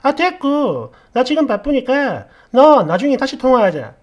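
Woman reader doing a touchy young bride, loud, accusatory, pitch jumping all over. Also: big pitch swings, unhurried, dull audio, heavily acted. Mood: mocking. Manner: accusing, sharp, raised voice. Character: indignant devout young woman, quick to take offense.

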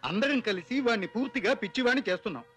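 An actor playing a middle-aged family elder in film dialogue, speaking in a soft, consoling, persuasive way. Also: male voice, high-pitched, animated, rapid-fire. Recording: film soundtrack with faint music.

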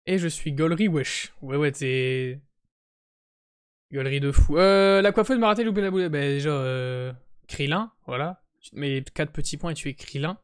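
A man's voice: fairly high pitch, fairly quick, smooth. A young man with a French accent chatting casually and joking with viewers as a live streamer. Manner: joking, greets chat viewers, self-mocking. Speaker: Twitch streamer.

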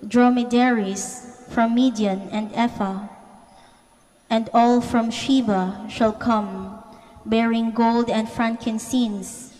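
A woman's fairly high voice reads scripture slowly and solemnly as a lector at Mass. Her phrasing is formal and deliberate, with long church reverb around it. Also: fairly even intonation, warm tone. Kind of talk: solemn scripture and psalm reading. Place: large church interior.

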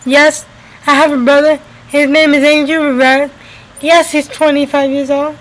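A woman in her 20s from the US, New Jersey and Florida, talks to camera in a casual vlog at home by a window, repeating phrases for emphasis. Her voice sits high with a level tone at normal speed, recorded roughly on a webcam at arm's length.

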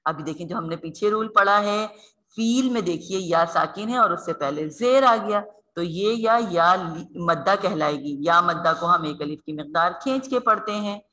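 A woman's voice: on the low side, moderate pace, fairly bright tone. A woman teaching a recitation lesson online, explaining each rule patiently and addressing her students fondly as children. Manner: patient, explains step by step, calls students "beta".

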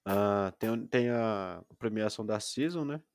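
A man's voice: on the low side, unhurried, creaky, dry recording, clean studio sound. A man streaming a game, patiently explaining the menus to a friend step by step. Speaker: gaming livestreamer. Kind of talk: casual gaming stream chat.

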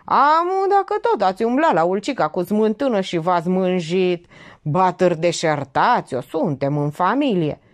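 A woman's voice: on the low side, sing-song. A woman voicing a blunt, earthy older woman who talks in a coarse rustic way. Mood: scolding. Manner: coarse, rustic country speech.

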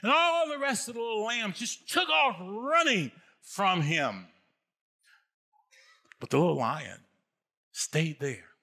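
A man's voice: high-pitched, big pitch swings, slow, pauses often, pushed and bright. An older man preaching a sermon as pastor, emphatic, repeating phrases and asking his congregation questions.

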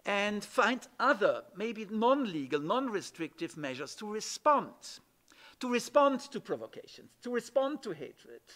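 High-voiced man giving a talk. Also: a bit bright. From Germany. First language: German. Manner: emphatic, with frequent "yeah?" and "uh" restarts. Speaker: speaker at a panel side event. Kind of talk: spoken conference talk.

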